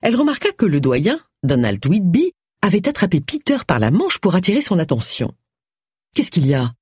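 Female audiobook narrator, animated, breathy, dry close sound. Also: fairly low pitch, fairly quick, no room sound. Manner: lively expressive reading. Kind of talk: scripted narration.

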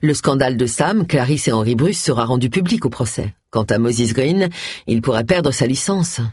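A reader voicing James, a sober man speaking in a measured, lowered voice. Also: animated, a little mellow, slightly rough, dry recording, clean studio sound. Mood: grave.

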